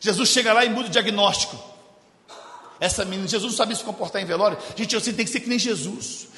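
A man with a Brazilian accent preaching a humorous sermon as a pastor, telling stories and moving between loud, animated stretches and quiet, intimate ones. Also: high voice, fast talker. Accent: Brazilian Portuguese. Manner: storytelling, jokes with the congregation, shifts from loud to hushed. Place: church hall. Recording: echoey church hall.

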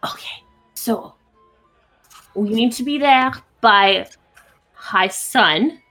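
A woman's voice: fairly high pitch, drawn-out words, bright, forceful tone, faint music behind. A woman playing a tabletop game on a stream, chatting casually in and out of role with playful drama. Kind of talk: casual role-play chat.

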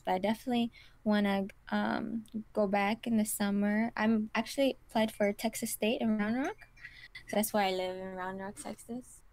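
A woman in her twenties, a model from Kazakhstan, gives chatty, giggly interview answers packed with fillers like "you know." Her pitch is medium and her tone darkish, heard in a dry recording.

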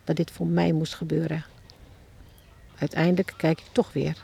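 A woman's voice: sits low, little pitch movement, moderate pace, gravelly, mellow, slightly rough. A woman who writes children's books tells a devotional story as if she is watching it happen, and keeps turning to the listener with questions. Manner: addresses the listener directly with questions, as if standing at the scene. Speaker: children's book author.

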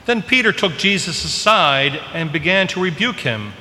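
A man serving as priest, reading the gospel and preaching at Mass in a measured, plain way, with a cathedral echo. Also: sits high, animated, bright, forceful tone. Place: large church. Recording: long church reverb, faint hiss.

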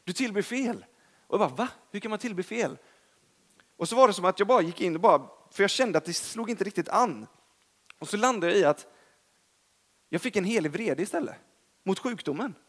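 A young Swedish-accented man delivers a sermon in a chatty, story-driven style, poking fun at himself and stressing words with energy. His voice sits high, and he leaves long pauses.

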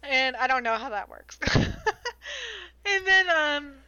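A young woman casually chatting and retelling an audiobook, animated, laughing often and swearing freely. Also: high-pitched, takes it slowly, dry recording, dull audio. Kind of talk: casual chat recapping an audiobook.

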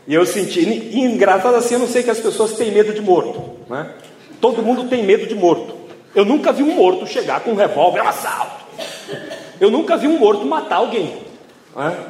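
A man with a Brazilian Portuguese accent preaching a testimony, telling his story with lively acted-out scenes and frequent laughs. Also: high voice, a little hiss or hum. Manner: animated storytelling, acting out scenes, laughing often. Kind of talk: testimony sermon. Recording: echoey hall, faint ambience.

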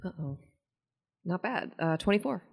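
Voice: medium pitch, animated, moderate pace, creaky, breathy edge. A tabletop game player chatting casually in character, hesitant, with many fillers. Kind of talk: casual tabletop role-play.

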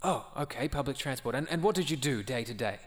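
Guy doing brisk official at the pearly gates, matter-of-fact, bureaucratic, comedy sketch. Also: mid-range voice, expressive, natural voice. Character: brisk, officious male afterlife assessor passing sentence.

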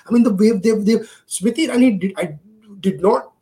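High-pitched Indian man chatting on a podcast. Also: normal speed, mellow. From Gujarat, India. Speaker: podcast speaker. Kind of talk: casual political discussion.

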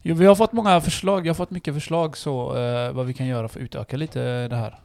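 A man's voice: mid-range voice, creaky, no echo. A young man, co-hosting a podcast in casual chat, telling stories animatedly, acting out what people said and laughing often. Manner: animated storytelling, acts out quotes, laughs often. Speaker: podcast co-host.

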